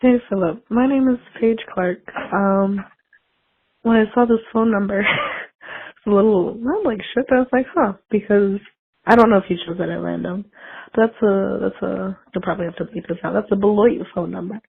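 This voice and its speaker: A young woman, hoarse from a sinus infection, leaving a chatty, rambling voicemail full of fillers. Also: mid-range voice, moderate pace, no room sound. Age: young adult. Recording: tinny phone line voicemail.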